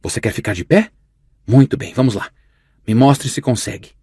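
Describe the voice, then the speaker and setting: A man voicing a young princess, a gentle and doting older sister, who speaks in a soft, hushed whisper. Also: mid-range voice, normal speed, husky, no echo, studio quality. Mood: tender whisper.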